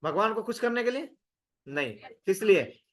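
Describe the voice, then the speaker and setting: A man's voice: high voice, very animated, normal speed, a bit bright. A man leading an interactive scripture class in a conversational way, quizzing his listeners and repeating words for emphasis. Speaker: scripture study leader.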